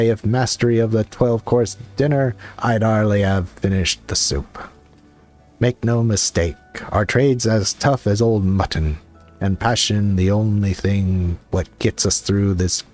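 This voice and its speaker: A man voicing a gruff old male pirate guildmaster cook in a game, with a rough pirate drawl. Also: lowish voice, a little mellow, lightly acted. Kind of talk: reading game dialogue aloud.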